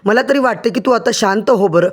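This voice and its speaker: A man's voice: high-pitched, fairly quick. A man voicing a young son who pleads with his mother in a retold serial story, in an exasperated, pleading way.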